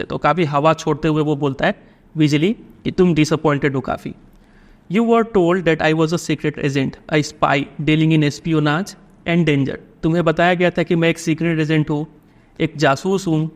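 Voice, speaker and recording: A young man teaching a lesson, reading English lines slowly and explaining them in Hindi, often checking with "ठीक है?". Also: on the high side. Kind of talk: line-by-line text explanation.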